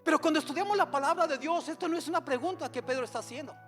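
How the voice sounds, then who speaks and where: A man's voice: very high voice, very fast, a bit bright, faint music behind. A man, a pastor, preaching a sermon in church with impassioned delivery, often acting out prayers aloud.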